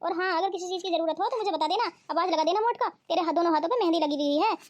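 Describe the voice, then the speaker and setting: A woman's voice: very high voice, very fast. A woman voicing a caring mother in a cartoon, who gives her daughter instructions. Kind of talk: cartoon voice acting.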